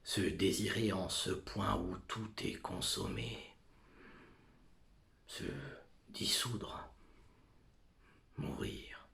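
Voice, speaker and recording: A man performing an anguished, brooding tragic figure in a theatrical monologue, halting and fragmented, moving between whispers and outbursts. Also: low voice, vocal fry, fairly bright tone, echoey room, heavily acted.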